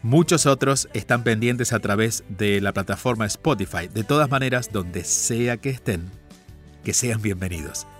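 A man hosting an advice call-in radio show, speaking in a calm, reflective and measured way. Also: lowish voice, soft background music. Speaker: radio host and life counselor.

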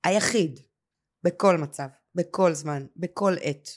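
A woman who coaches personal storytelling, talking as a podcast guest in an intense, heartfelt way and slowing down to stress her points. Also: on the low side. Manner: emphatic, slows down to stress words. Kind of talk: emotional podcast conversation.

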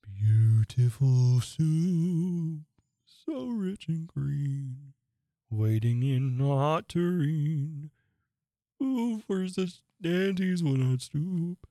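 A reader voicing a sorrowful old mock turtle in a storybook reading, speaking and singing in a slow, mournful, drawn-out way. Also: medium pitch, animated, dark tone, no room sound.

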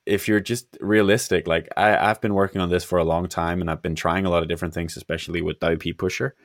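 A man with a low voice talks casually in a close, dry recording. He sounds tired and hesitant, pausing and restarting as he thinks aloud. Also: flat delivery, no room sound. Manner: hesitant, halting, trailing off. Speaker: software founder on a podcast. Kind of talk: casual conversational talk.

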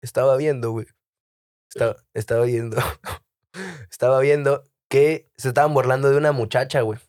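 A man's voice: mid-range voice, steady tone, moderate pace, darkish tone. A man co-hosting a comedic podcast, telling stories in slangy casual chat and laughing often. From Baja California, Mexico. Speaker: podcast co-host.

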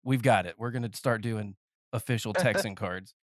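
Hosting a casual podcast interview, this man in his thirties speaks at a fairly low pitch and moderate pace, a little nasal and congested, rambling and joking as he goes. He's on headphones and a podcast mic, with studio-quality sound and no echo.

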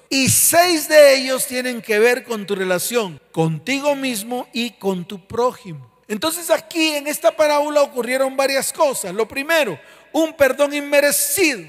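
Male pastor, very high voice, emphatic, questions the flock, long hall reverb. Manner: emphatic, repeats key phrases, asks listeners questions. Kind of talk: sermon.

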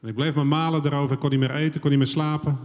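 A man interpreting a sermon phrase by phrase, in a steady and businesslike way. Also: a little high, in a large hall. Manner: brisk, steady, follows each phrase closely. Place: church hall.

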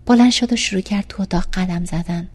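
A woman narrating a first-person diary story in a calm reading voice. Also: mid-range voice, breathy edge. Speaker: audiobook narrator.

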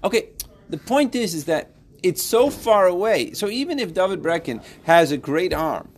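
A man teaching a class, lively and playful, building to emphatic points with everyday examples. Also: high voice, moderate pace. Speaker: Torah teacher. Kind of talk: classroom lesson.

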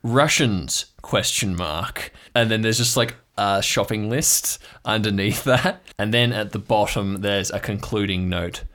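A man narrating as game master of an improvised tabletop role-play, in a relaxed, easygoing storytelling manner. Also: on the low side, moderate pace, hardly any pauses.

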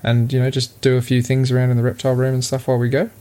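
An Australian man, a young adult, co-hosting a podcast in relaxed, rambling casual chat over a remote call. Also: medium pitch, very fast. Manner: relaxed, rambling with fillers and restarts. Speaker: podcast co-host.

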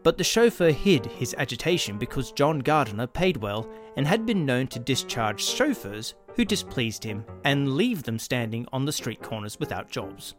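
A man narrating a dramatic science fiction story in a lively, expressive way. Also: mid-range voice, normal speed, few pauses, faint music behind.

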